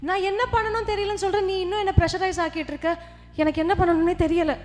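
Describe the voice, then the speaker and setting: A woman playing a young, careless husband in an amateur church skit, talking loudly and pleading. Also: a little high, fairly even intonation, fairly quick, slight background noise, lightly acted. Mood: panicked. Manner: loud, exclaiming, pleading. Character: young careless husband, boastful then panicked. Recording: echoey hall with background music.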